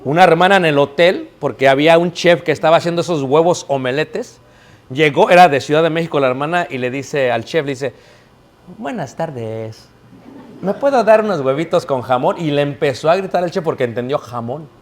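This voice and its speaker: A man preaching to a live congregation in a church, his pitched notably high. He tells stories with energy and keeps tossing questions out to the listeners so they answer back. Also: fairly quick. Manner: lively storytelling, calls out questions to the congregation. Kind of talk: sermon.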